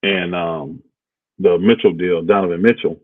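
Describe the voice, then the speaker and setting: A man with a low, steady voice co-hosts a casual basketball livestream at a measured pace. Laid-back and rambling, he thinks out loud with plenty of fillers, and the audio is dry and phone-like.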